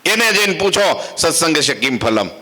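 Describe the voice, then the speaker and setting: A patient, commanding deity, as a preacher puts him on, speaking in measured instructions. The voice is bright and clear, a bit raised. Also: male voice, a little high, very animated, exaggerated voice.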